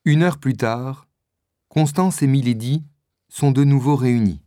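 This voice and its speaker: A calm storybook narrator who reads slowly and evenly. The tone is mellow and warm, recorded dry and close. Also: medium pitch, no room sound. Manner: calm, measured. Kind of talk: storybook reading.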